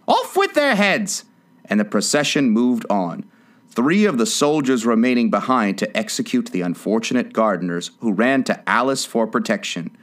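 A man reading a classic children's story aloud as narrator, in an expressive way. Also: fairly low pitch, moderate pace. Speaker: audiobook narrator.

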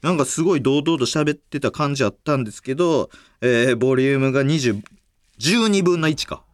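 A man's voice: medium pitch, expressive, no echo, clean studio sound. A young man with a Kansai accent hosting a podcast, chatting casually and laughing often. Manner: chatty, quick to laugh, jokey. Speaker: podcast host. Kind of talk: casual chat.

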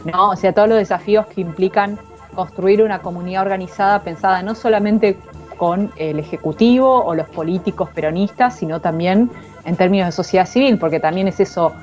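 A woman's voice: medium pitch, brisk, a little mellow, faint music behind. A woman with an Argentine accent, an author talking casually about her book in an interview, slangy and thinking aloud. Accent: Argentine Spanish. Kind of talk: casual conversation.

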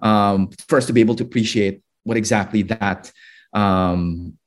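Low-voiced man interviewing a guest. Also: normal speed. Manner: fluent but hedging, many fillers. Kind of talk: interview questions.

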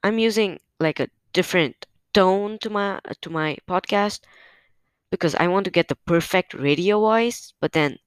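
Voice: mid-range voice, moderate pace, clean tone, no echo. A podcast host recording at home on a new microphone, talking casually and hesitantly with many fillers, a little nervous. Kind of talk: casual solo podcast update. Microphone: new podcast microphone on a stand.

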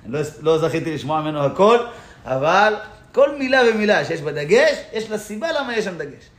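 A man teaching a Torah class in a synagogue, explaining points of law in an animated way and laughing as he tells stories. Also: high voice. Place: synagogue hall. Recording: echoey room.

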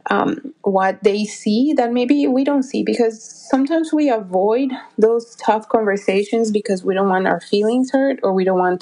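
A woman in her forties giving a motivational solo talk as a business coach and podcast host, earnest and encouraging, often pausing and restarting as she searches for words. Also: mid-range voice, dark tone. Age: 40s.

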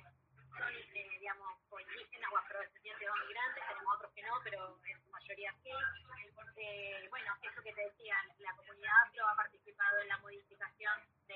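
A woman with an Argentine accent and a very breathy, husky voice, steadily describing activities as an interview guest. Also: medium pitch. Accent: Argentine Spanish. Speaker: guest academic. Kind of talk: conversational interview answer. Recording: tinny phone line.

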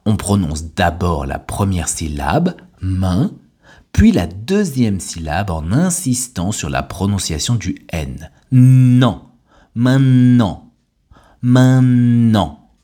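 Husky low-voiced man teaching. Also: very animated, darkish tone. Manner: clear, deliberate teaching delivery. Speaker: French teacher and podcast host. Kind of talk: scripted language lesson.

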